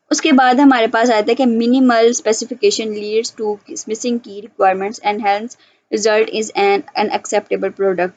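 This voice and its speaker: Woman lecturing, reading notes slowly. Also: a little high, darkish tone. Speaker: teacher. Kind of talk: lecture explaining handout notes. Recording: slightly dull lo-fi audio.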